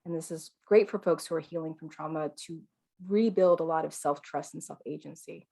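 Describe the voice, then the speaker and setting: This non-binary teacher, whose voice comes across as female, runs a live qigong class online in a calm, soothing, conversational way, using fillers and laughing lightly. The voice is low and gravelly, and the pace a little fast.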